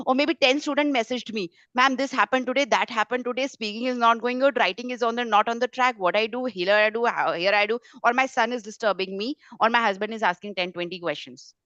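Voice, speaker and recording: Speaking informally, a female French tutor leads an online webinar, driving her points home by repeating words and phrases. Her voice is a little high and somewhat bright, with no echo on the slightly dull, lo-fi recording.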